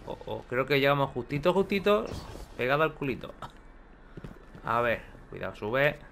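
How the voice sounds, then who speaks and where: A man giving chatty, excitable gameplay commentary with casual swearing. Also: mid-range voice, normal speed, gravelly, slight background noise. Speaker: gaming video host.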